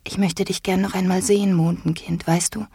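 A woman's voice: fairly low pitch, level tone, moderate pace, no room sound, pitched above the performer's own voice. Woman whispering as a curious young boy. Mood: wondering. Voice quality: hushed, breathy whisper. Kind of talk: whispered role-play.

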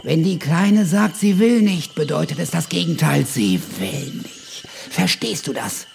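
Man playing a loud swaggering jungle brute, male, pushy, high and gravelly, slow. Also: lively intonation, soft background music, exaggerated voice. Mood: boastful.

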